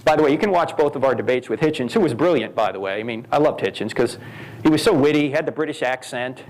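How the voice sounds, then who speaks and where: A man giving a live lecture at a university. He talks in an animated way, asking rhetorical questions and telling stories. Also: mid-range voice, fast talker. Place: university event hall.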